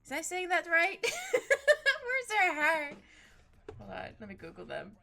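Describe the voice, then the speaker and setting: Giggly high-voiced woman streaming. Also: big pitch swings, takes it slowly, creaky. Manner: giggly, bubbly, trails off and restarts. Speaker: streamer drawing live. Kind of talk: casual chat with live chat while drawing. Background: soft background music.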